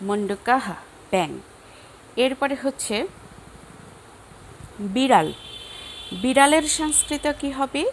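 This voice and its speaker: A young Bangladeshi woman teaching a lesson, speaking slowly and carefully and repeating each word for her students. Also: high voice, expressive, a little hiss or hum. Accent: Bangladeshi Bengali. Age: young adult. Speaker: Sanskrit teacher. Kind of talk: classroom lesson, slow repetition drills.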